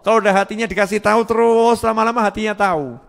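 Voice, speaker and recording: A man delivers a sermon in a high voice, posing questions to the crowd and answering them himself. He repeats his key words and slips into chanted Arabic phrases. The sound rings with the long echo of a hall. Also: steady tone, quick pace, vocal fry, a bit bright. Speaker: preacher.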